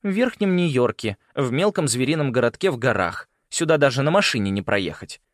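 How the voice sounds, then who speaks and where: A man's voice: low-pitched, fast, no room sound, clean studio sound, lightly acted. A man voicing a tired, irritable teenage girl who grumbles in exasperation. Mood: grumbling.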